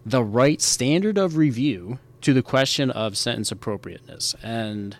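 A man with a mid-pitched voice hosts a legal podcast. He explains in an informal, conversational manner, like a colleague quizzing another. He repeats key points for emphasis. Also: expressive, normal speed, dry recording. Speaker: podcast host, military lawyer.

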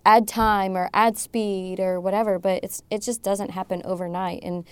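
Sergeant lady on a podcast, straight to the point, smooth clear voice, dry sound. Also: medium pitch, steady tone, normal speed, dry recording. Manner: direct, practical. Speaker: technical sergeant and co-host. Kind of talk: casual panel talk.

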